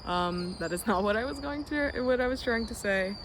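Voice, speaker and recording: This earnest, reflective personal vlog comes from a young adult in the United States who uses lots of ums and occasional casual swearing. The mid-range voice has lively intonation and a moderate pace, while birds and passing vehicles make the background noisy.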